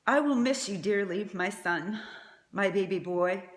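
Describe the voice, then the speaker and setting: A woman's voice: mid-range voice, unhurried. Faltering, tender woman in an echoey room. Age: middle-aged. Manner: faltering, tender eulogy delivery. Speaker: mother giving a eulogy. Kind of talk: prepared eulogy speech.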